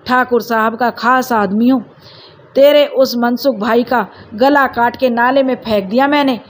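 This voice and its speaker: A woman's voice: fairly high pitch, a little slow, slight background noise, natural voice. A woman voicing a cruel male henchman who sneers and threatens. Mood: sneering.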